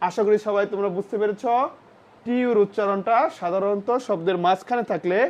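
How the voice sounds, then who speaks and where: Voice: mid-range voice, fairly quick, darkish tone. A patient teacher giving a phonics lesson to children. The teacher spells each word letter by letter, repeats it, and asks the pupils questions. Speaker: English vocabulary teacher for children. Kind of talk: classroom-style phonics lesson.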